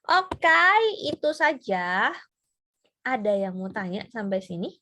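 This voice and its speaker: A woman's voice: mid-range voice, lively intonation, slow, a bit bright. A woman giving a casual seminar talk on personality types, chatty and full of fillers and tag questions. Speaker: trainer.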